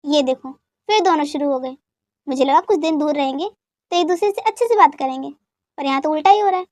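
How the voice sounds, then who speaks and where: A woman's voice: high voice, a little fast, a little mellow, no echo, clean studio sound, close to an everyday voice. A woman voicing a cheeky young woman friend in a fan dub drama who teases the couple. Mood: amused. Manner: teasing.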